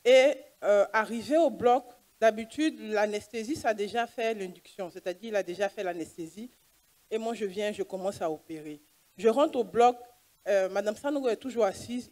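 A woman's voice: medium pitch, a little mellow. Woman doctor, earnest church testimony, acts out the dialogue as she goes. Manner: earnest storytelling, plays out dialogue.

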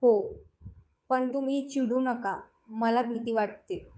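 A woman voicing a timid young wife in an audio story reading, soft-spoken and hesitant, with a fairly high voice. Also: steady tone, slow.

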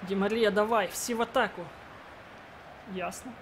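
A young man commenting live on his own football video game match, excitable and bursting into shouts at big moments. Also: high-pitched, moderate pace, a little hiss or hum. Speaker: gaming channel host.

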